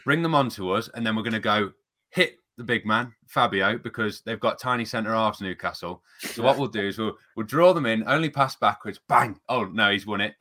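A man's voice: on the low side, animated, fairly quick, sharp tone. A man on a casual football podcast, telling things in a dry, sarcastic way. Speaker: podcast guest.

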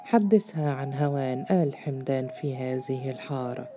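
A woman's voice: a bass voice, moderate pace, music in the background. A woman reader voicing a bitter, hot-tempered elder of the clan who speaks sharply.

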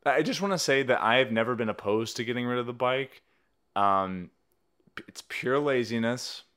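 A man's voice: mid-range voice, normal speed, fairly bright tone, smooth. A man co-hosting a podcast, chatting casually with his wife in a dry, self-deprecating, rambling way. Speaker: podcast co-host.

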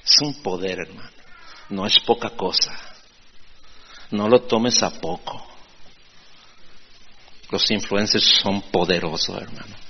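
A man with a gravelly, husky voice delivers a sermon in a loose, conversational way, checking in with his listeners through frequent tag questions. The recording sounds dull and lo-fi, with a long reverb trailing off the walls of a large hall. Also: on the low side, slow, long pauses. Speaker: preacher.

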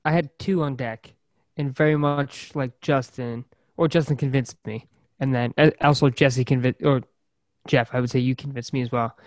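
A man's voice: mid-range voice, steady tone, moderate pace, dry recording, studio quality. A man co-hosting a music podcast, teasing the others playfully and restarting his sentences in casual chat. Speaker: podcast co-host.

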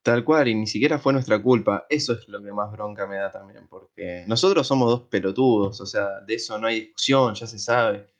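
A man's voice: lowish voice, moderate pace, few pauses. A man with a Rioplatense accent, co-hosting a podcast in joking, swearing banter. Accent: Rioplatense Spanish. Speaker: podcast co-host. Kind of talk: casual chat.

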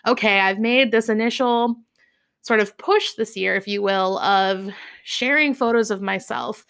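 A woman's voice: on the high side, fairly bright tone, clear, resonant tone. A young adult woman hosting a reflective solo podcast from home, speaking candidly with frequent laughs and fillers. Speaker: podcast host. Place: home, studio apartment.

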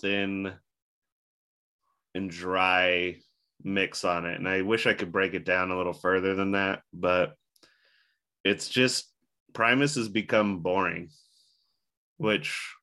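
Lower-pitched man with a bright voice, hiccuping. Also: steady tone, takes it slowly, long pauses, smooth. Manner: rambling, loose, jokey. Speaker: podcast host. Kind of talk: casual chat.

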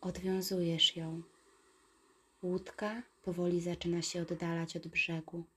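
A woman guiding a meditation in a soft, soothing whisper, giving calm instructions. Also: fairly low pitch, unhurried, slightly rough. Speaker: meditation guide.

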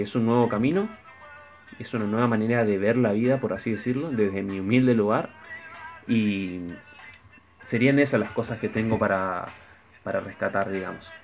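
A man's voice: fairly low pitch, a little mellow. A man talking reflectively in a casual podcast chat. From Argentina. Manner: reflective, thoughtful. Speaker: podcast guest. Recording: dull lo-fi audio with faint music.

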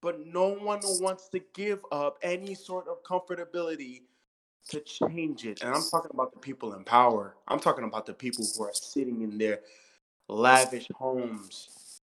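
On a rough recording, an American co-host in his thirties speaks at a normal speed with a medium pitch and a slightly bright tone. He gets worked up in the relaxed podcast discussion, saying things more than once, pressing his points and swearing freely.

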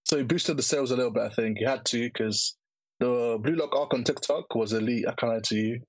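A man's voice: mid-range voice, brisk, no echo, rough recording. A man with an urban London roadman accent and slangy delivery, hosting a casual podcast chat. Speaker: podcast host.

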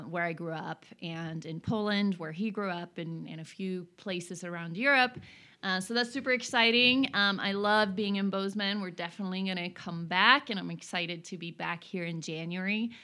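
A Norwegian woman in her forties, a consultant, tells her career story as a guest in a conversational interview. Her voice is on the low side and sharp in tone, at normal speed, and she comes across as thoughtful, using frequent fillers.

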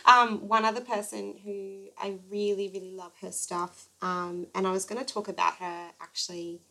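A woman's voice: mid-range voice, flat delivery, normal speed, vocal fry, pushed and bright. A young woman with a Queensland Australian accent, co-hosting a podcast in casual, chatty talk with plenty of fillers and laughter. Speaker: podcast co-host. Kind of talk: casual chat.

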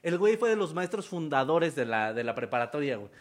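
A man's voice: a little high, very animated, fast talker. A man with a Mexican accent co-hosting a podcast, telling stories animatedly in crude slang. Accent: Mexican Spanish. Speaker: podcast co-host. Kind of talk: casual banter.

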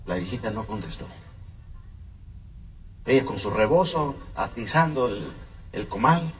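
A man's voice: fairly low pitch, very animated, a little slow. A man tells his personal life story with emotion, addressing the listener directly. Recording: voice a bit far from the mic.

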